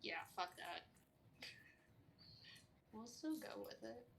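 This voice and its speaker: A woman's voice: on the high side, expressive, slow, creaky, noisy background. A woman playing a tabletop game who talks bluntly and swears casually. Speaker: player.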